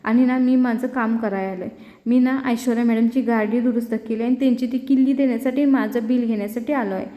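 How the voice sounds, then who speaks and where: A woman doing a proud young male mechanic who speaks firmly and curtly, in her mellow voice. It sounds roomy, with a long echo. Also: on the high side, steady tone, fast talker, close to an everyday voice. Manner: firm, curt. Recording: echoey room with long reverb.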